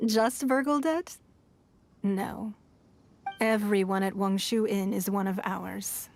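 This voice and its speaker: A powerful, wealthy lady of a fantasy video game. She is shrewd and composed, with a medium-pitched voice. Her speech is formal, measured and courteous. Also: steady tone, a little mellow, a little hiss or hum. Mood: amused, assured. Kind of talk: scripted video game cutscene dialogue.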